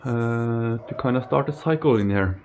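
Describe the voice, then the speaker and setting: Speaking at a normal speed in a medium-pitched, slightly mellow voice, a Norwegian man shows viewers around his apartment. He's an aquarium hobbyist vlogger whose first language is Norwegian, and he stumbles over his English and laughs at his own slips. The home recording is a bit dull, with faint noise.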